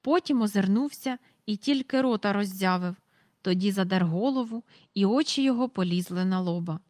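A woman reading a storybook aloud in calm, even narration. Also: medium pitch, fairly quick, dry recording, clean studio sound. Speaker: audiobook reader.

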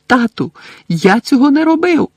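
A man voicing a young man in chains who begs and cries in a high, strained voice. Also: very animated, takes it slowly, a little mellow, dry recording, exaggerated voice. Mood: desperate pleading. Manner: high, crying, begging.

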